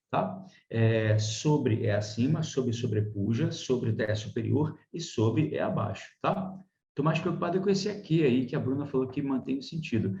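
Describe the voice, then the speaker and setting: Brazilian guy teaching online, keeps checking if you got it, mellow voice, echoey dull call audio. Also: mid-range voice. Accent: Brazilian Portuguese. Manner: explains with many rhetorical checks, lively emphasis. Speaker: Portuguese language teacher. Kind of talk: online class lecture. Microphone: video call.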